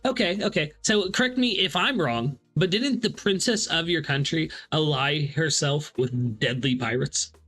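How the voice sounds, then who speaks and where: A man's voice: a little high, normal speed, few pauses, pushed and bright, faint music behind. A man hosting a casual podcast, heckling his guests with mock accusations. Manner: mock-accusing, needling questions. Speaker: podcast host. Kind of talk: casual chat, playful heckling.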